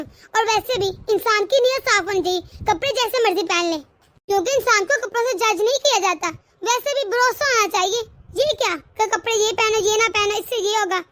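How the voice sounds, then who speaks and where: A woman's voice: very high-pitched, fairly bright tone, no echo. Woman voicing a defiant young cartoon daughter-in-law. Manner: argumentative, indignant. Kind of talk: cartoon voice acting.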